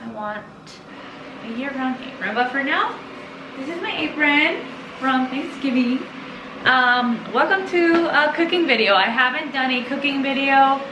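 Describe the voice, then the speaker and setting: A young Mexican woman, Spanish her first language, rambles casually while filming a home cooking video in her kitchen. Her voice sits high and animated, her pace unhurried, and her manner informal and self-deprecating; the kitchen is echoey with background noise.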